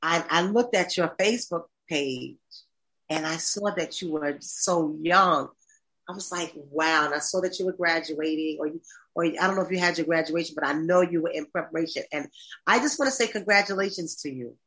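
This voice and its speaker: A woman in her fifties with a notably low voice hosts a call-in talk as pastor. She speaks affectionately to her listeners, rambling through long sentences and restarting her words often. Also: moderate pace, fairly bright tone, rough recording. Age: 50s. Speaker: pastor and host.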